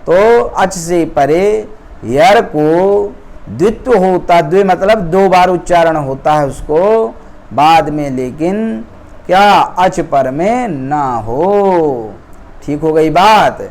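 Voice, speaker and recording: A man's voice: fairly high pitch, animated, darkish tone. A man teaching Sanskrit grammar, explaining rules step by step and often checking that students follow. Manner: slow, deliberate, checks understanding often.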